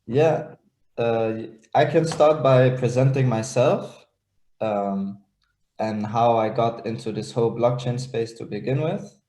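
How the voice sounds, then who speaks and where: A young startup founder from Denmark and Israel presents on a video call, speaking hesitantly with many fillers and restarts. His medium-pitched voice is slow and mellow, and the sound is reverberant.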